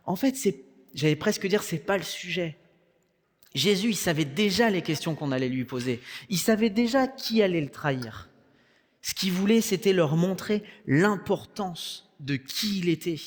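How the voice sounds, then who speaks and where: A man's voice: high voice, animated, normal speed. A young man with a French accent preaching a sermon in a conversational way, with joking asides. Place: church hall. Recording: long church reverb.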